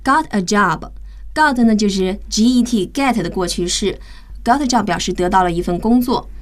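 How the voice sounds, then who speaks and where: A woman's voice: mid-range voice, moderate pace. A woman hosting a radio English lesson, explaining vocabulary step by step and spelling words out letter by letter. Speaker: English teacher and radio host.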